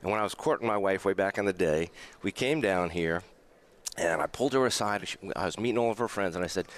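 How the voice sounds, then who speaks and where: A Bronx man with a New York accent and a low voice speaks quickly as a radio guest; he's a hotel general manager. He recounts history, stammering and restarting frequently.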